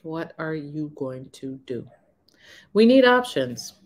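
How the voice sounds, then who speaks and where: Woman, 30s, vlogger, lowish voice, frank, unhurried, small room. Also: big pitch swings. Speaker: vlogger on renting. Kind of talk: casual talk to camera. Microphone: camera in front of her.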